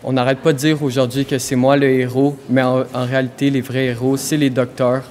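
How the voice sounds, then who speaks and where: Man, brief modest thanks, monotone, slight outdoor noise, distant mic. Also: medium pitch, a little fast. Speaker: honored participant handing over the floor.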